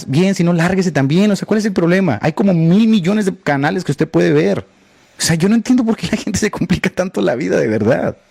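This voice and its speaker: A blunt man hosts a livestream and rants with sarcasm at a critic. His voice sits a little high but sounds mellow and relaxed. The sound is dry, close and without room echo. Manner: repeatedly addresses a critic by name. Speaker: podcast host. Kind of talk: livestream monologue.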